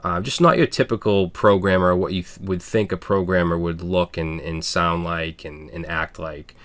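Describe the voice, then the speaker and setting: Here a man in his thirties, Boston accent and all, gives viewers of his programming channel some candid personal talk. The voice sits low with a fairly bright tone, fairly even intonation and a moderate pace, and the delivery is earnest and plain, full of "all right" and "um."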